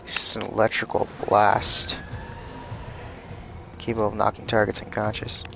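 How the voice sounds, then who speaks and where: A man's voice: lowish voice, monotone, normal speed, creaky, over music. A man casually commenting while livestreaming a video game, muttering frustrated reactions as he plays. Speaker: streamer playing a video game. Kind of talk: casual live gameplay commentary.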